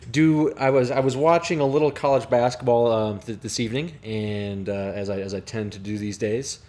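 Male podcast host, casual, halting delivery over a video call. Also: mid-range voice, fairly even intonation, darkish tone, slight background noise. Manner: halting, many restarts, chuckling.

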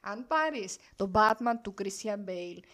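A young woman co-hosting a podcast in casual chat, opinionated and chatty with animated asides. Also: medium pitch. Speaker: podcast co-host. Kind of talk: casual chat about superhero shows.

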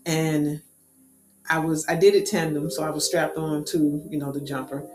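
A woman casually telling a personal story in a lively, animated way, with quick asides. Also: low-pitched. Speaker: speaker sharing a personal story. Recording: echoey room with faint music.

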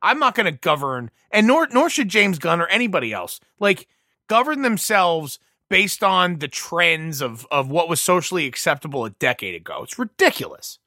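A man's voice: fairly high pitch, big pitch swings, normal speed, bright, forceful tone, no echo, clean studio sound. A man co-hosting a podcast in casual chat, blunt and sarcastic. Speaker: podcast co-host.

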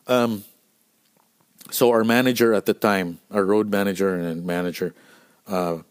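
A middle-aged man from the Philippines, hosting a podcast and telling road stories in a casual, animated, profane way with lots of fillers. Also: fairly low pitch, unhurried, smooth. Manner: profane, animated storytelling with many fillers and restarts. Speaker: podcast host.

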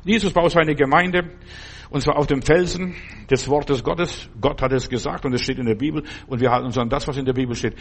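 A man's voice: mid-range voice, fairly even intonation, brisk, husky. An older man giving an earnest sermon, exhorting his listeners and addressing them directly. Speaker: preacher.

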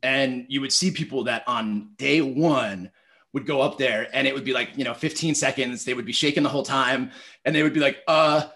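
A man in his thirties telling stories as a podcast guest, lively and conversational, acting out his own thoughts with lots of "like". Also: mid-range voice, a little fast. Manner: animated, storytelling, acts out quoted thoughts, heavy use of "like". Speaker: podcast guest, public speaking teacher. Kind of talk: casual conversational interview.

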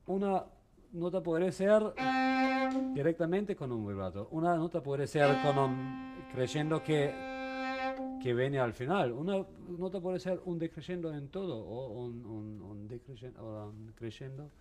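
Halting man teaching a violin masterclass. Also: medium pitch, a little mellow, soft background music. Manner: halting, mixes in English words, asks the class questions.

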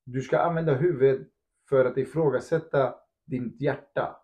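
A man in a casual podcast chat who speaks as a football coach. He talks in an animated way, acts out little quotes, mixes in English phrases and keeps asking if the listener follows. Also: mid-range voice, muffled recording. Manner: asks "förstår du?" often.

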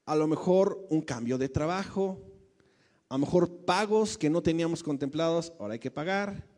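Pastor preaching in a reverberant hall. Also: male voice, fairly high pitch, moderate pace, a little mellow. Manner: conversational, asks the congregation questions. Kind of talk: sermon.

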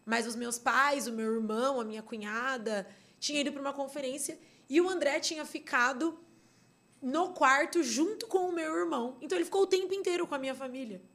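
A woman's voice: high-pitched, brisk, fairly bright tone. A woman with a Brazilian accent, a podcast guest telling a personal story earnestly, with many fillers and restarts.

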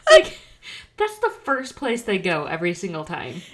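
A woman in her thirties co-hosting a casual chat, talking in a chatty, self-deprecating way with lots of fillers. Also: on the low side. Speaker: podcast co-host.

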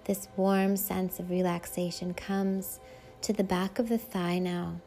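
Mellow woman guiding a meditation. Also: lowish voice, flat delivery. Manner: hypnotic, unhurried, repetitive lulling phrasing. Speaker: podcast host leading a guided meditation. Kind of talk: slow, soothing guided meditation narration. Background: faint music.

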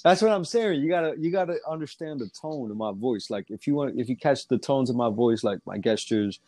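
A man's voice: medium pitch, expressive, fairly quick, a little mellow, no room sound. A man talking in a casual podcast chat, rambling with lots of fillers, restarts and swearing. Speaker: guest rapper.

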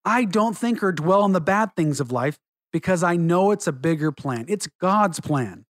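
A middle-aged man giving an earnest religious testimony and teaching, measured and slowing down for emphasis. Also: high voice, no echo.

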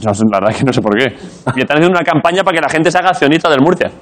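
Fast-talking, teasing male talk show host. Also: on the high side, lively intonation. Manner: teasing, quick banter. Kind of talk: comic late-night interview. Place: theatre studio with audience.

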